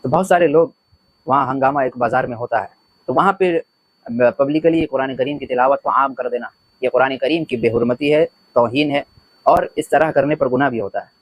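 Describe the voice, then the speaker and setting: A video host speaks to camera with religious commentary, his medium-pitched, slightly rough voice moving at a normal speed. He is earnest and preachy, building his points through repeated lists. The recording is dry and low in quality.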